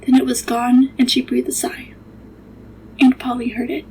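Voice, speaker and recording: Soft-spoken woman telling a bedtime story. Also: fairly high pitch, completely flat delivery, a little hiss or hum, rough recording. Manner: quiet, slow, partly whispered.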